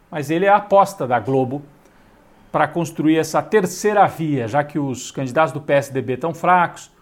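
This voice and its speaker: A Brazilian man with a Brazilian Portuguese accent giving opinionated political news commentary, with sardonic asides. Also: a little high.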